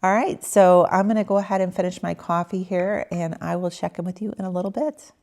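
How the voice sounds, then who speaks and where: A health coach in her fifties chats casually with her viewers in a vlog, speaking to them directly from her patio at home and along her walking route. Her voice sits on the low side and moves fairly quickly. She's chatty and relaxed, and there's no room sound.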